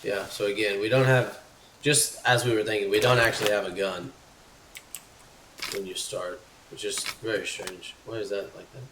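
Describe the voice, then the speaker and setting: A man's voice: lowish voice, fairly even intonation, moderate pace, distant mic. A man streaming live gameplay commentary, who chats to his in-game companion and yelps and swears at sudden scares. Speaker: gaming streamer. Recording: echoey room, off-mic, noisy.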